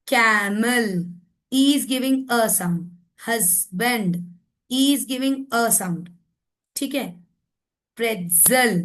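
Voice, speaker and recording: A woman, training teachers in phonics and patiently explaining, often checking that everyone follows. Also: a little high. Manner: mixes Hindi and English. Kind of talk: online phonics training lesson.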